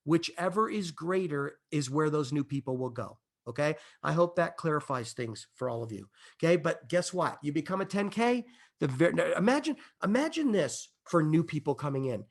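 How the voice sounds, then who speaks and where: A man giving an excitable, emphatic business opportunity presentation, building hype and checking in with his audience as he goes. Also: fairly high pitch, moderate pace. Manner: repeats "okay?" and "imagine this" to the audience. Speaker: company presenter.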